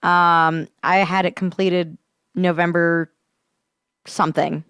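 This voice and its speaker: A woman's voice: fairly low pitch, level tone, slow pace, fairly bright tone, smooth, no echo, clean studio sound. A young woman co-hosting a whiskey podcast, chatting casually, blunt and teasing with frequent laughs. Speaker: podcast co-host. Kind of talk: casual chat and whiskey review.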